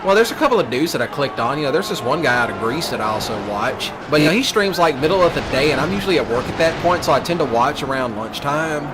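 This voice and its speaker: Talking fast with hardly any pauses, this man has a voice on the high side and a Southern US accent. He's a streamer ranting casually over gameplay, folksy and brash, using rural slang and repeating himself a lot, while steady vehicle noise fills the noisy background.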